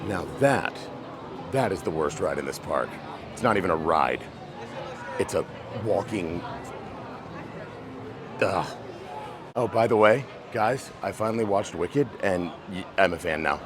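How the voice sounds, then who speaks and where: A man's voice: deep voice, animated, measured pace, long pauses, crowd noise, background noise. A man vlogging casually from a theme park, chatty and self-deprecating, sounding a bit deflated. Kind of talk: casual vlog to camera.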